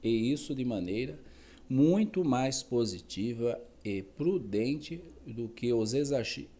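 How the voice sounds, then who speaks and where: Slow, dark-voiced man reading aloud. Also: medium pitch, animated. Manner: slow, careful reading with self-corrections and asides. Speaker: reader. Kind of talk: reading a philosophy text aloud.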